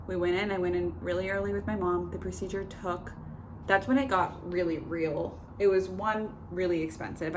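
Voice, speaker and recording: A woman in her twenties giving a casual, conversational personal update to camera, in an informal way. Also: on the low side. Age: 20s. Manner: informal, conversational, quotes others in reported dialogue. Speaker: vlogger. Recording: clear background room noise.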